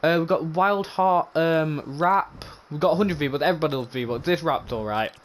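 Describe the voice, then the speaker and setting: A man giving casual, rambling commentary on game items, often repeating himself, with a voice going hoarse. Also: a little high, normal speed, slight background noise. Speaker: gaming channel host.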